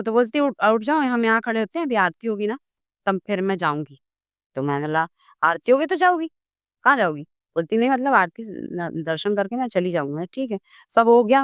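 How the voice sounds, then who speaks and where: A woman guest in a casual interview, telling a personal story in a lively way and acting out the dialogue. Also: a little high, a little fast, clean tone, no room sound, clean studio sound. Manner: animated storytelling, acts out dialogue. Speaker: guest devotee.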